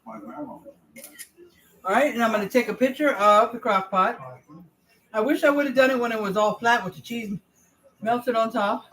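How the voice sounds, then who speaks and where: A woman's voice: fairly high pitch, animated, measured pace, pauses often, fairly bright tone. A woman casually chatting to viewers as she hosts a live cooking stream from her home kitchen. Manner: chatty, talks straight to viewers. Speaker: home cooking livestream host. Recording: roomy and a bit distant, faint hiss.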